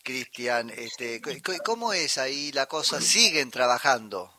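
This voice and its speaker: A man hosting a live radio interview, his voice bright and forward. He stammers and fills pauses in a friendly way as he puts his questions. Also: medium pitch, expressive, no room sound. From Argentina. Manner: stammers, uses fillers, asks in a friendly way. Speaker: radio host.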